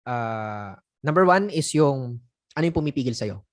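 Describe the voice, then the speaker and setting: Brief: male sales coach, relaxed classroom-style talk, easy chuckles, mid-pitched voice. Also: moderate pace. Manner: conversational, mixing in acted example phrases; chuckles often. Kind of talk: casual teaching talk.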